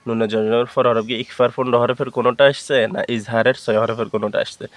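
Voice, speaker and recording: A man teaching Quran reading, spelling out each letter and vowel mark, then slowly blending the syllables into words. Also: mid-range voice, little pitch movement, dry recording.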